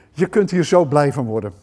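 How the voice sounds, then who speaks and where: A man preaching a sermon in a church service, animated and turning to the congregation with questions, moving between loud outbursts and hushed lines. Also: a little high, a little slow. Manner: talks directly to the congregation with questions.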